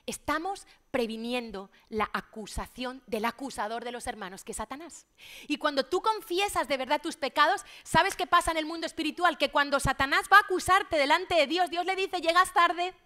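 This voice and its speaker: A middle-aged woman from Spain preaching a sermon in a church, passionate, moving between loud exclamations and hushed, near-whispered lines. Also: high-pitched, a little fast.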